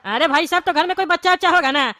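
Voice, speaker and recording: A woman voicing a quick-tempered bald male shopkeeper in a cartoon, full of sales patter. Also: extremely high pitch, background noise. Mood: salesy. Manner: salesman patter that flips to shouting. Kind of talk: cartoon comedy voice acting.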